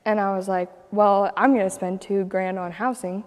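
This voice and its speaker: A young woman from Ohio tells her story in a relaxed, chatty way, breaking into laughs and acting out other people's lines. Her voice sits at an ordinary middle pitch. A long reverb hangs around her words. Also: moderate pace. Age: young adult. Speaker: guest telling her story. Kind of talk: casual personal storytelling.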